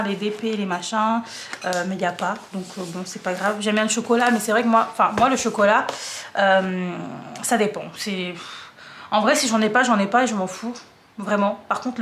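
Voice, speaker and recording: With a medium, slightly bright voice, a young French vlogger rambles casually while unboxing something at home. She repeats herself and uses plenty of fillers, coughs a bit, and the audio has an echoey room sound with a low hum.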